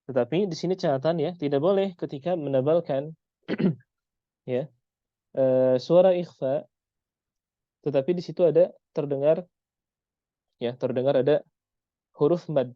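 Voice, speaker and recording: Male recitation teacher, very unhurried, demonstrates sounds over and over; slightly high voice. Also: no room sound, highs cut off. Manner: patient, repeats example syllables slowly to model pronunciation. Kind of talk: online tajweed lesson.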